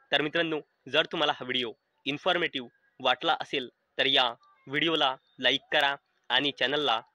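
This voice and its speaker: Male host, Marathi accent, very bright voice, scripted finance explainer, steady run of numbers. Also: mid-range voice, no room sound, rough recording. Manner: steady recital of figures, addresses viewers as friends. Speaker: stock market channel host.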